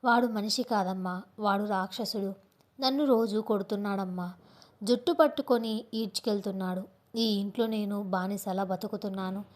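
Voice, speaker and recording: A woman narrator gives voice to a terrified young girl in a storybook tale. She pleads in a tearful, desperate rush at a middling pitch. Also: normal speed, darkish tone, close to an everyday voice. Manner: desperate, pleading, breathless run-on speech.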